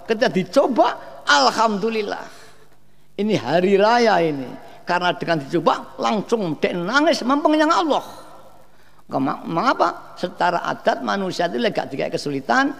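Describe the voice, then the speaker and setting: A man's voice: sits high, vocal fry. A man preaching a sermon at a large outdoor gathering, with a rising and falling cadence and mixed in.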